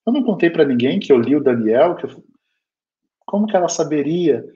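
Here a Brazilian man with a Brazilian Portuguese accent, heard through dull lo-fi audio, delivers a spiritist talk built around a heartfelt personal story, regularly speaking straight to those listening. He sounds a little high and expressive, going a little fast.

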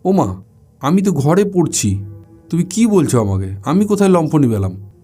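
A young village boy, played by a grown male storyteller, calling out to his mother in pleading protest. The tone is mellow and soft. Quiet music runs underneath. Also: on the high side, sing-song, normal speed, slightly rough, voice pushed up.

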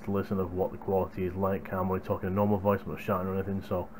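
He races through his words in a flat voice that sits low, with background noise behind him. A young adult reviewing hardware, he chats casually to viewers indoors at home in a small room, recording on a gaming headset's boom microphone.

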